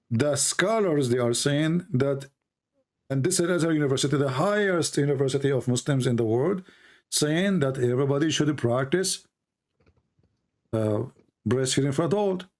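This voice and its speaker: A debate show host with a somewhat high voice and lively intonation runs a live call-in debate at normal speed, pausing often. He presses a caller with repeated, pointed questions, hammering the same points again and again.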